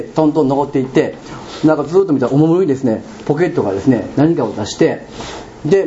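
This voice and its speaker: A male pastor with a Kansai accent preaches in a mellow, fairly high voice that swoops widely as he tells a story and turns to his listeners with questions. The recording is dull and lo-fi, with faint room noise underneath. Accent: Kansai Japanese. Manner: animated storytelling with questions to the congregation. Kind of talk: sermon.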